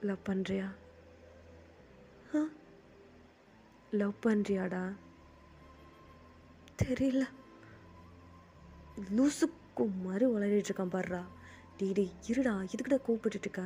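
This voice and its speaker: A woman's voice: mid-range voice, slow pace, pauses often, dark tone, slight background noise, pitched below the performer's own voice. Woman voicing a blunt scolding young friend.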